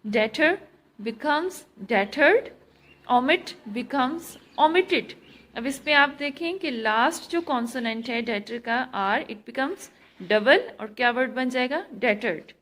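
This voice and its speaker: A woman teacher with an Indian English accent, giving a grammar lesson in a slow, deliberate way, quizzing students and repeating answers. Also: high-pitched, lively intonation, a bit bright. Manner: mixes Hindi and English.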